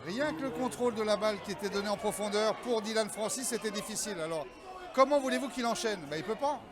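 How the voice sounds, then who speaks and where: A football co-commentator with a high voice talks fast, giving emphatic, opinionated live analysis and often repeating his phrases. He's outdoors with a loud stadium crowd behind him.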